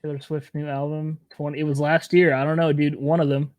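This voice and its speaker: A man's voice: a little high, little pitch movement, fairly quick, a little mellow, dry recording. A young man co-hosting a podcast, joking and swearing in offhand casual chat. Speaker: podcast co-host.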